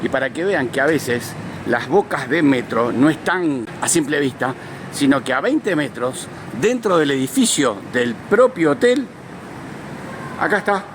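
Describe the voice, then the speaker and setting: A man's voice: on the high side, lively intonation, a little slow, background noise. A man narrating a travel vlog in a chatty, enthusiastic way, explaining sights as he walks around a city outdoors. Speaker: travel vlogger. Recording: music playing under the voice.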